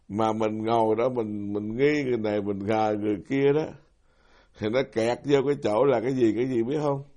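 A middle-aged Buddhist monk with a mellow voice on the low side gives a folksy, self-deprecating dharma talk as a sermon, repeatedly putting questions to his audience.

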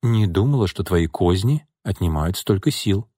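A man's voice: low voice, lively intonation, moderate pace, mellow, breathy edge, no echo, clean studio sound. A man voicing an outspoken young woman who speaks firmly and directly. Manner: firm and direct.

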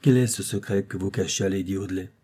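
A serious gentleman urges calm in an earnest, restrained way, read by a man narrating a novel. The voice is low and mellow. It sits close to the reader's own tone. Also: fast, husky.

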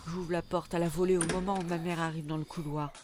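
A man's voice: fairly high pitch, flat delivery, fast, heavy background noise. A man narrating a first-person audio drama in a tense, urgent way. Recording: loud music under the voice.

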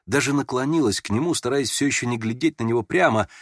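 A man narrating a classic novel in a measured, expressive storytelling manner. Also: mid-range voice, no echo, studio quality. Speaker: audiobook narrator. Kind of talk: scripted literary narration.

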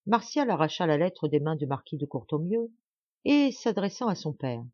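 A woman narrating an audiobook in a measured, clear storytelling manner, recorded close in a dull lo-fi home setup. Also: low voice, very animated, dark tone, no room sound. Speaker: audiobook reader. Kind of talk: scripted narration.

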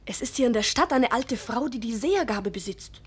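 A woman's voice: fairly high pitch, lively intonation, fairly quick, slightly rough. An actress playing a young girl confidante in a radio play, teasing, confidential and persuasive. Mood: confiding, persuasive.

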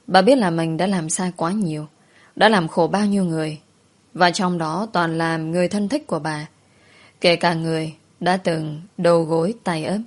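A woman narrating a family drama in a slow, reflective, solemn manner. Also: lowish voice. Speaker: storyteller. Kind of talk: scripted story narration.

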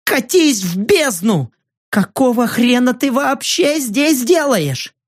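A man voicing a panicky, cowardly fat journalist in an audiobook, stammering and squealing in a high, strained voice. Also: very animated, slow, no room sound, studio quality, full character voice. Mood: angry. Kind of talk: audiobook narration.

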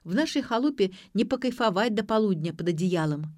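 A woman's voice: mid-range voice, expressive, a little fast, darkish tone, no room sound, clean studio sound, pitched above the performer's own voice, close to an everyday voice. A woman voicing a brash, pushy young woman who talks in snappy, slangy retorts in an audiobook. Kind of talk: audiobook character voice.

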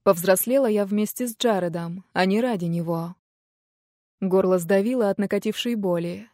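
Woman, audiobook narrator, quiet and measured, dry recording. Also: medium pitch, dry recording. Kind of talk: first-person audiobook narration.

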